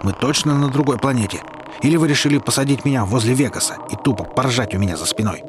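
A man's voice: medium pitch, quick pace, noisy background, voice pushed up, lightly acted. A man playing a cranky rich tourist. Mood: indignant. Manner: indignant shouting and grumbling. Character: irritable rich male tourist, grumbling and panicky.

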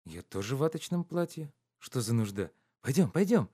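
A man's voice: medium pitch, moderate pace, husky, voice pushed up. A man reading aloud and voicing a carefree, teasing young woman in an audiobook. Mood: playful. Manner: lively, teasing, coaxing.

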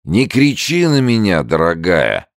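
A man's voice: low-pitched, wildly swooping pitch, unhurried, no echo, studio quality, voice pushed up, heavily acted. A man voicing a drunk, boisterous old French bargeman in an audiobook, slurring and bellowing. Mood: drunk boasting.

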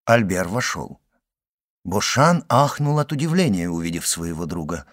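A man reads a classic novel aloud in measured, expressive audiobook narration. His voice sits on the low side but moves with lively intonation through each sentence. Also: dry recording, clean studio sound.

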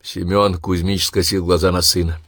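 Low-voiced male narrator in a dry room. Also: level tone, normal speed, fairly bright tone, no echo. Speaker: audiobook narrator. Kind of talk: scripted narration.

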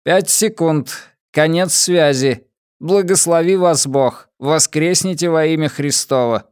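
A man reading an audiobook voices a starship computer, with a metallic, flat and clipped delivery. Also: fairly high pitch, takes it slowly, smooth, no echo, studio quality, voice pushed up. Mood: announcing.

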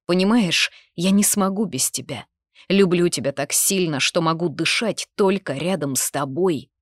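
A woman reading the lines of a tormented young male mage in an audiobook, low-voiced and pleading. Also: moderate pace, dry recording, studio quality, natural voice. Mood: desperate. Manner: tense, then pleading and desperate.

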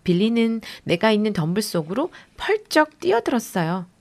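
A woman reading a children's story aloud on radio, in a gentle, expressive storytelling manner. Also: medium pitch, normal speed. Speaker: storybook reader.

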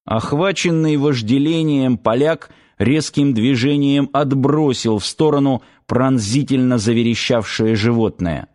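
A man reading an audiobook aloud in a steady, tense storytelling manner. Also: mid-range voice, measured pace, few pauses. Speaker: audiobook reader. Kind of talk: dramatic audiobook narration.

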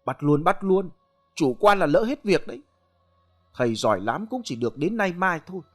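Man doing pompous greedy husband, lecturing tone, lively pitch, for a spoken ghost tale. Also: moderate pace, faint music behind, full character voice. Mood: bossy. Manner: bossy, lecturing. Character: greedy, pompous rich middle-aged husband.

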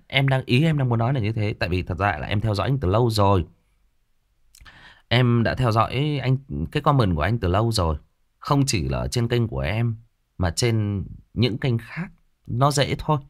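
Northern Vietnamese male narrator, unscripted rebuttal, animated pitch, stumbling restarts. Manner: defensive, repetitive, with many fillers and restarts. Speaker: audiobook narrator answering a listener. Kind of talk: unscripted direct address to a commenter.

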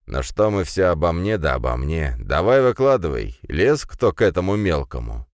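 A man voicing a gruff, bossy male investigator disguised as a stout woman, in an audiobook. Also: low-pitched, very animated, moderate pace, no room sound, clean studio sound. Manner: grumbling, bossy. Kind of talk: audiobook character voice.

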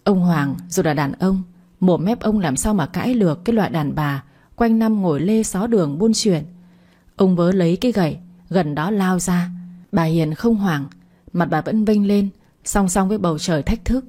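Low, husky woman storyteller. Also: normal speed, mellow. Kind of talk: dramatic story narration.

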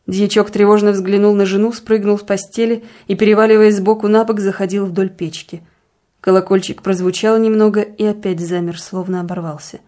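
A woman reads a classic story aloud at an even, measured pace. Her voice sits at a middling pitch. Her narration stays calm throughout. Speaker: audiobook reader. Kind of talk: literary narration.

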